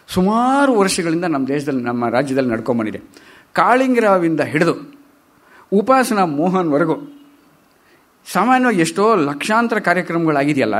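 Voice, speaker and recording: A man giving a lively storytelling lecture on poetry and humor in a lecture hall, asking the audience questions. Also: a little high. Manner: chatty and animated, asks the audience questions. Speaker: speaker at a literary talk.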